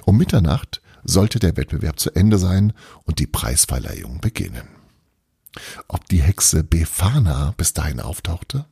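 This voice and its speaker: A man narrating a children's storybook in an expressive, lively way, hosting an advent podcast. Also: sits low, measured pace, husky, dry recording, clean studio sound.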